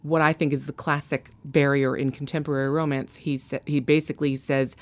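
A woman's voice: low-pitched, little pitch movement, brisk. A woman in casual podcast chat, telling a story with enthusiasm and acting out the characters' lines. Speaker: guest.

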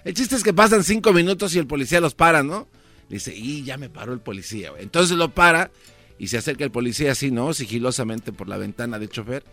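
A man on a radio comedy show retelling a joke quickly and joking around, acting out its characters. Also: a little high, lively intonation, fairly bright tone, no room sound, faint music behind.

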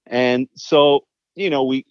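Animated male songwriter telling stories. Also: mid-range voice, slow pace, clear, resonant tone, no echo, lo-fi sound. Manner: animated, repeats words when excited. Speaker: songwriter and guest. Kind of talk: casual interview storytelling.

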